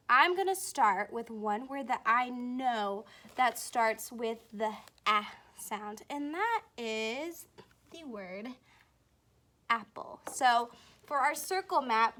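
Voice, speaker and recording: A woman with a bright, crisp voice leads a children's phonics lesson at an unhurried pace. She speaks in an encouraging way and invites young learners to repeat after her. Her voice sits a little higher than most. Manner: slow, encouraging, addresses young children directly with questions. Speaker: teacher.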